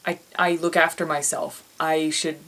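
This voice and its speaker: A woman's voice: low-pitched, level tone, moderate pace, a bit bright, rough recording. A young woman, an author, talking casually to her viewers in a rambling way, often restarting and repeating words. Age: young adult. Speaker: author and vlogger. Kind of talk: casual chatty vlog.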